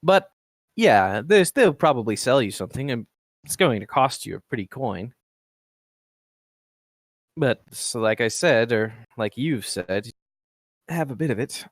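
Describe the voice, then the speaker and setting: A man voicing a worldly ship captain in a tabletop game, talking in a measured, dry and probing way. The sound is close and dry, with no room around it. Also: mid-range voice, lively intonation, dry recording. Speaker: game master. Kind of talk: tabletop role-play.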